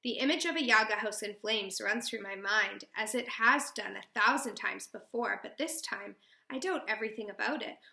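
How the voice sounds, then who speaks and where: Bright-voiced woman reading a novel aloud. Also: medium pitch, moderate pace, gravelly. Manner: expressive, voicing a girl's emotions. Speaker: read-aloud host. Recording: roomy echo.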